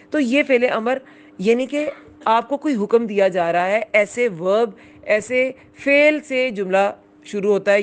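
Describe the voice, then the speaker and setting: A woman giving a religious lesson, explaining patiently and often asking her listeners whether they understood. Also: medium pitch. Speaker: Quran teacher. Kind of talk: Urdu religious lesson with English words.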